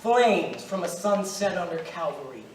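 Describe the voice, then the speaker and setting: Playing Judas as an accusing spirit eighteen centuries old, this young amateur actor is grave and relentless, with an ominous, mournful mood. His high, expressive voice delivers the story solemnly, deliberately and declamatorily. A distant mic catches him across a roomy, noisy stage.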